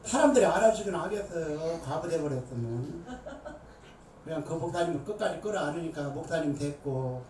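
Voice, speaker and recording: A middle-aged woman, a seminary dean, preaching a Bible lecture with emphatic, animated delivery to an audience. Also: low voice, fairly quick, slight background noise. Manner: emphatic, animated, with bursts of shouting and laughter. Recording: echoey room, voice far from mic.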